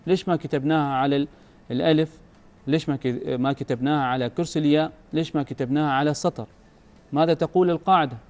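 A man's voice: fairly high pitch, steady tone, fast talker, darkish tone. A man with an Omani Arabic accent teaching a recorded grammar lesson, patiently repeating his questions to the student. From Oman.

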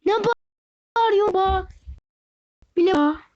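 A young gaming host giving excited gameplay commentary, often shouting and wailing as he talks straight to his viewers. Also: very high voice, slow. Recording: dull lo-fi recording.

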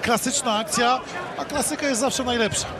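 A man giving live boxing commentary, analytical and animated, with frequent filler sounds. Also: very high voice, moderate pace. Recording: loud crowd and noise behind. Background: crowd noise.

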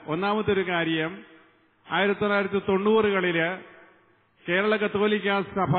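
An older man from Kerala, preaching earnestly to a large convention crowd on a stage mic. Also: sits high. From Kerala, India. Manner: earnest, addresses the crowd directly, hands raised. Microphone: mic on a stand close to the mouth. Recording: tinny narrow sound, long hall reverb.

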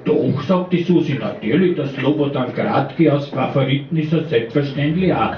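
A man's voice: medium pitch, moderate pace, over a noisy crowd. A man performing a dialect poem at a slam, telling it with dry wit. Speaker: slam poet. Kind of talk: dialect poetry reading. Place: small bar at a live poetry slam. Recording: roomy, distant, dull live recording.

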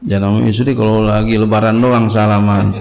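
Gravelly chatty preacher, lo-fi sound. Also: male voice, on the low side, little pitch movement, fairly quick, darkish tone. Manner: chatty, jokes and laughs with the congregation. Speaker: Islamic preacher teaching Quran commentary. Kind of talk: casual sermon with anecdotes. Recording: dull lo-fi recording.

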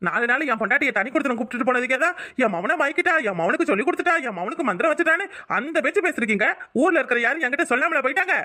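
A woman's voice: high voice, animated, very fast, bright, forceful tone. A woman voicing an exasperated young married son in a Tamil cartoon, with a southern Tamil accent, speaking bluntly and confronting his mother. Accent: southern Tamil Nadu. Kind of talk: cartoon voice acting.

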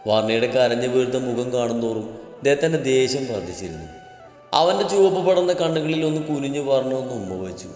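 Man narrating a story over soft music. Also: medium pitch. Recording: reverberant room with background music.

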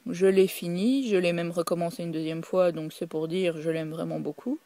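A woman's voice: lowish voice, fairly even intonation, normal speed, dark tone, no echo. A woman talking casually at home, presenting her collection in a hesitant way full of fillers and restarts. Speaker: video creator showing her game collection.

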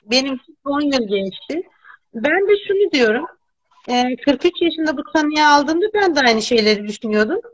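Woman host, 50s, fairly high voice, upbeat and emphatic, dry lo-fi sound. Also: expressive, normal speed, no echo. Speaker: talk-show host. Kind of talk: casual talk-show conversation.

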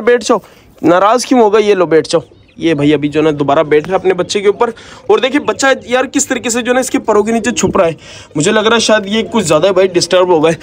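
A man vlogging about his pet birds and rabbits in a chatty, affectionate way. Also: high-pitched. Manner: chatty, affectionate, peppered with "yaar" and "bhai"; coaxing pets softly. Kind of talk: casual vlog narration.

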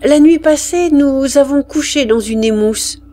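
A woman's voice: sits high, a little slow, mellow, slight background noise, pitched above the performer's own voice. A woman reading aloud and voicing a frightened, widowed peasant mother who speaks in a plaintive, faltering way.

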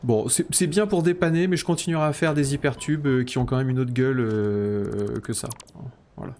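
A man's voice: medium pitch, moderate pace, a little mellow. A man streaming a factory-building game, thinking aloud while he builds, counting under his breath and slipping into mock-grandiose, self-ironic banter. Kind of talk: casual live-stream commentary.

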